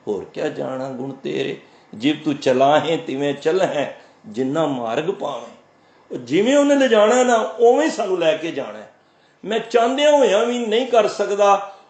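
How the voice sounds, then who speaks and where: A man giving a sermon, his voice fairly high for a man. He draws out the verses he quotes, then explains them plainly. The room around him is echoey. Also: a little mellow. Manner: explains verses slowly, chants quoted lines, asks and answers his own questions. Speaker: Sikh preacher. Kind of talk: scripture exposition.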